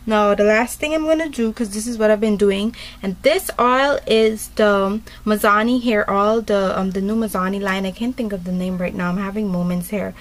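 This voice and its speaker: Talking at a normal speed with few pauses, this woman vlogger walks through a hair tutorial in her mid-range voice. She's casual and chatty, rambling along with plenty of filler words.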